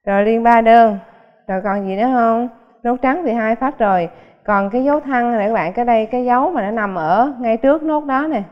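A woman's voice: fairly high pitch, a little fast. A woman teaching a piano lesson in a casual, chatty way, counting beats aloud and explaining with everyday comparisons. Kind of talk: casual spoken music lesson. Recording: muffled sound with a long hall reverb.

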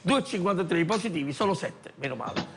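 A man, hosting a live sports talk show in a halting manner. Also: high voice, lively intonation, fairly bright tone, slight background noise. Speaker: TV host. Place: TV studio. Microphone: lapel.

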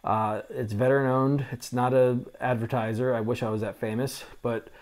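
At a normal speed and mid-range pitch, a forties-aged man runs a casual tech walkthrough, restoring vintage computer gear for his channel. He works at a desk in a small room with a lapel mic, sounding relaxed and conversational, with lots of "uh" fillers.

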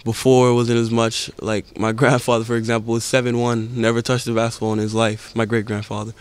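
After a game, a teenage basketball prospect from the Bahamas answers press questions calmly and evenly into a handheld reporter mic held close, in front of an indoor camp media backdrop. His mid-range male voice is clear and resonant, a bit quick, and the recording is dry.

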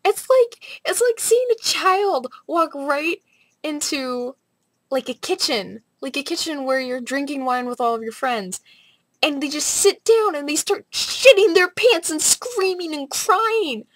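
High-voiced young woman chatting casually. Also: expressive, a little slow, no echo. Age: young adult. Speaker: vlogger. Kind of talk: casual rambling vlog chat. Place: small bright room at home, indoors.

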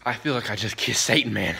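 A man's voice: fairly low pitch, vocal fry, very noisy. A young man vlogging casually with his mouth burning from spicy food, groaning and exclaiming in pain, recorded on a handheld phone. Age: teens to young adult. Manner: animated, worked up. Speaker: challenge vlogger. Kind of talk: casual reaction vlog. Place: home kitchen. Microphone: handheld phone at arm's length.

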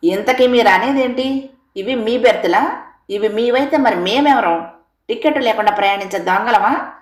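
A woman's voice: medium pitch, animated, brisk, darkish tone, close to an everyday voice. A woman voicing an angry, shrewish wife who scolds and accuses, in an echoey room. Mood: shrill.

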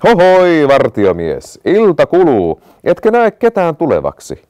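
A man's voice: fairly high pitch, very animated, dry recording, pitched above the performer's own voice. A man voicing an impatient young fairy-tale prince. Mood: impatient calling. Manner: eager, calling out loudly. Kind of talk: storybook reading.

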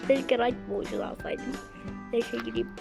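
A woman hosting a gaming video, chatting excitedly and addressing her viewers as she plays. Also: fairly high pitch, a little slow, vocal fry. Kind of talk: casual game commentary to viewers. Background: background music.

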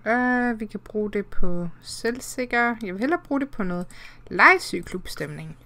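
A woman's voice: mid-range voice, animated, vocal fry, bright, forceful tone. A woman in her twenties giving casual, chatty commentary while playing a life-sim game, giggling and cheering at small wins. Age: 20s. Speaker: let's play host.

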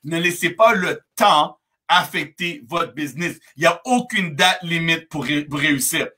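A man's voice: a little high, normal speed, bright, forceful tone. A man gives a motivational live-stream talk to his network marketing team. He talks emphatically, repeats himself for emphasis, and keeps tagging his sentences with an English "right?".

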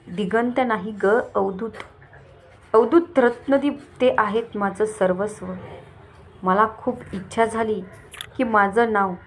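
Brief: woman narrator, first-person story reading, even and expressive. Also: mid-range voice.

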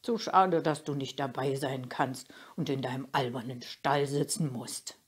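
A gossipy wild duck chatters and teases, as a woman reading a storybook puts her on. Her voice is breathy and her pace is slow. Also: rumbling low, full character voice. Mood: teasing. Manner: chattering, teasing.

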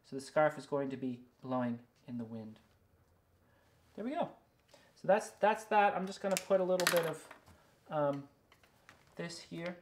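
This man's fairly high, expressive voice moves at a moderate pace with frequent pauses, over a slight hiss or hum. He's an illustrator and picture book author demonstrating his drawing and showing his work casually, talking to himself in a musing way. The setting is a small indoor studio with books and records.

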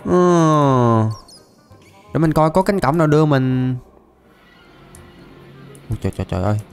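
A young man with a fairly high voice talks his way through a game, chatty and quick to laugh. He repeats words in excited bursts, with music playing softly behind him. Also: clean tone. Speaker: gaming YouTuber. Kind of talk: casual Minecraft let's-play commentary.

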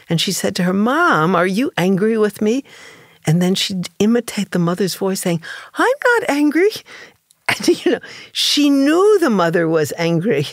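A woman's voice: mid-range voice, dry recording, clean studio sound. An older woman psychologist being interviewed, explaining her ideas thoughtfully and illustrating them with stories and quoted voices. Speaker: psychologist and author, guest. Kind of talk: conversational interview.

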